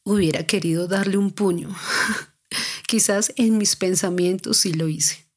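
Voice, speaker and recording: A woman's voice: medium pitch, measured pace. A woman recounting a family story as a mother, earnest and confiding, speaking straight to the listener. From Colombia.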